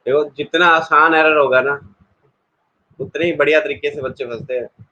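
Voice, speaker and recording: A man's voice: fairly high pitch, steady tone, normal speed, bright, forceful tone, lo-fi sound. A man teaching an online exam-prep English class in a chatty way, explaining with everyday examples and talking straight to his students.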